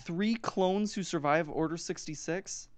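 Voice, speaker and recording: Smooth-voiced man answering trivia. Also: fairly high pitch, dry recording. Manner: eager, quick answers with stumbles. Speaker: trivia contestant. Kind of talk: casual quiz banter.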